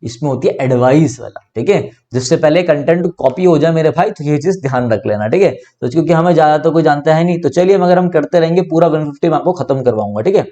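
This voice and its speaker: This is a young man with an Indian accent giving an online English grammar lesson. His voice sits a little high for a man. He explains each rule step by step, often asks the class a question and then answers it himself. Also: lively intonation, fast, hardly any pauses, warm tone. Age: young adult.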